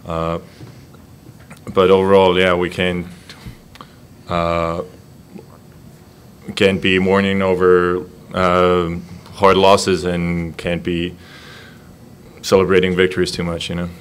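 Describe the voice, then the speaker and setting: Young male player, low flat voice, hesitant, table mic. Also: slow pace, long pauses, a little hiss or hum. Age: young adult. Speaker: college basketball player. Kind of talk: postgame press conference answers. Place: press room, seated at a table.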